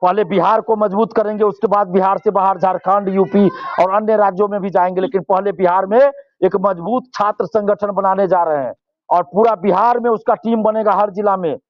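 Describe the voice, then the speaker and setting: A man's voice: high-pitched, steady tone, moderate pace, no room sound, highs cut off. A male student leader, giving impassioned interview answers and repeating phrases for force.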